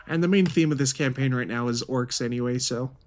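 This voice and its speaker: A man's voice: medium pitch, brisk. A man thinks aloud in casual commentary as he plays a strategy game. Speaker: gaming video host.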